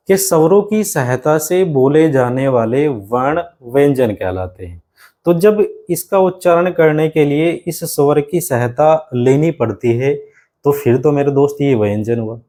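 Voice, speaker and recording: Unhurried and mellow, his slightly high voice guides exam students through grammar step by step. The male teacher peppers his explanation with rhetorical questions and regularly addresses the learners as his friends.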